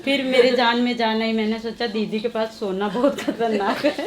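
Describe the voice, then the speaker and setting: A woman visiting as a guest, retelling a funny moment in an animated, laughing way. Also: a little high, moderate pace, a little hiss or hum. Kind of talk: casual family chat. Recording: other people chatting nearby.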